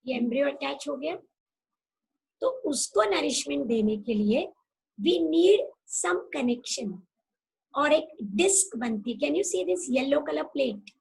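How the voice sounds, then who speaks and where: A woman teacher lectures an online class in a high, gravelly voice. She talks very slowly and patiently, repeats key terms and checks that the class follows. Faint noise sits under her computer microphone. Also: lively intonation, rough recording. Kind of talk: online class lecture mixing Hindi and English.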